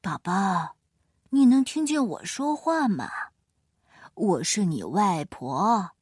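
Kindly grandmother, over 60, slow and lower, played by a woman. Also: big pitch swings, a little mellow, breathy edge, no room sound, clean studio sound, full character voice. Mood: sweet.

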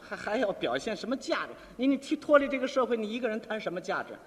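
A man's voice: high voice, sing-song, fast, voice pushed down. A man voicing a stern older brother who lectures and scolds in a comic crosstalk act. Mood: scolding. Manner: gruff, lecturing, exasperated. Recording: echoey hall stage recording.

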